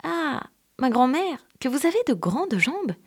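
A woman voicing a timid, obedient little peasant girl in a spoken folk tale, asking questions in a high childlike voice. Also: very animated, measured pace, a little mellow, heavily acted. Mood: innocent, questioning.

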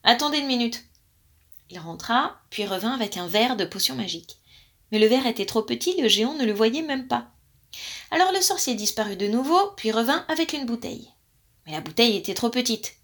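Female storyteller, bright higher voice, playful read-aloud delivery. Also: animated, brisk.

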